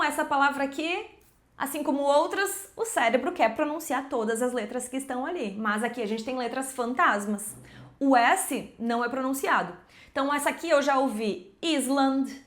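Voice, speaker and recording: High-voiced female English teacher. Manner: explanatory, repeats example words slowly. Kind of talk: pronunciation lesson to camera.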